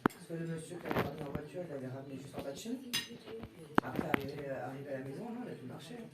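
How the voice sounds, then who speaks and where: Distant, fast-talking low-voiced woman on phone. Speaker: mother on a phone call in the background. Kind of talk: casual phone conversation. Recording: distant, echoey, very noisy room pickup.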